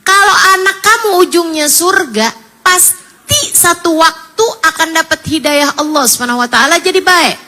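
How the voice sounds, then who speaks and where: A woman's voice: very high voice, expressive, moderate pace, pushed and bright. A middle-aged woman preaching a sermon to women, telling stories with emotive, tearful pleas.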